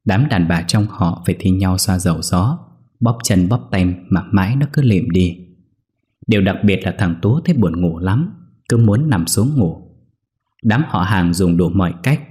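A man narrates a ghost story in a steady, grave manner. His voice is low and deep, with a dark, mellow tone. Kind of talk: scripted horror story narration.

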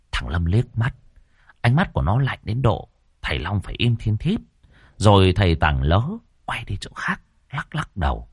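A man narrating a ghost story in an expressive, dramatic way, close to the microphone. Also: lowish voice, husky, no echo.

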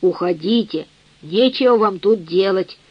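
A woman's voice: medium pitch, a little slow, no room sound, natural voice. A cross, no-nonsense country nurse snaps and scolds in plain rustic talk, as a woman narrator puts her on. The voice sits close and dry on the mic. The audiobook recording is a little muffled. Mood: scolding. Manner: sharp, scolding country speech. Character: gruff, angry rural nurse woman.

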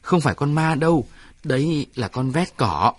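A man's voice: a little high, lively intonation, normal speed, pitched above the performer's own voice. Man doing a stubborn old village shaman. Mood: evasive. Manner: stubborn, evasive.

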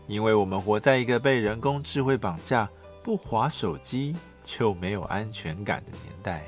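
A middle-aged man hosting a podcast, narrating a script in a soft, intimate pillow-talk manner, like bedtime storytelling. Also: on the low side, expressive, normal speed, soft background music. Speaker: podcast host.

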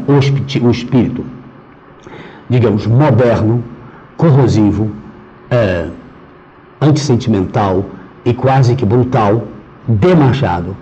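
A man lecturing on literature, reading poems aloud and pausing to explain their meter, often repeating words as he thinks. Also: medium pitch, dark tone. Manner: reads verse aloud, then breaks off to explain meter. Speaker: literature teacher. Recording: dull lo-fi recording with faint noise.

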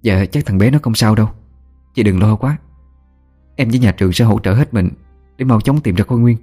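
A man voicing a gentle female homeroom teacher who speaks soothingly. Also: lowish voice, fairly quick, soft background music, close to an everyday voice.

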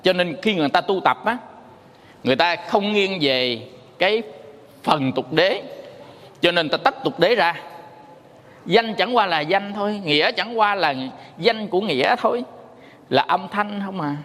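A man's voice: high-pitched, expressive, unhurried, pauses often, a bit bright. A Buddhist monk teacher giving a dharma talk, telling stories and playfully singing the tone syllables to make his point. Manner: storytelling, sings tone syllables playfully. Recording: long hall reverb.

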